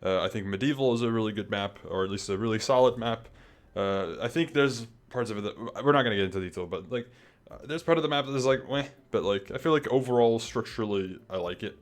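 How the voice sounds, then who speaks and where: A man's voice: fairly low pitch, fast talker. A man talking as a YouTuber reviewing a gaming event, slightly out of breath, rambling casually with lots of fillers and restarts. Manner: loose, chatty, full of fillers and restarts.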